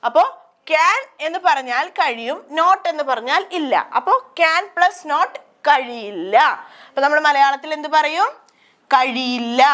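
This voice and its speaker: A woman's voice: sits high, pushed and bright. A woman with a Malayali accent teaching English grammar, asking questions and answering them herself. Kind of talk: grammar lesson explained in Malayalam.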